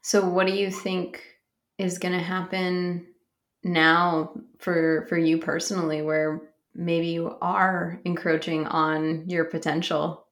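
Young female podcast host; low, flat and gravelly, chatty and rambling. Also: slow pace. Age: young adult. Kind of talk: casual interview chat.

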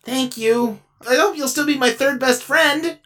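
An earnest, childlike space being who adores all life, played by a woman. Her voice sits a little high and rings very bright. She stammers and trips over her words when flustered, in loose improvised comedy. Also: unhurried, distant mic.

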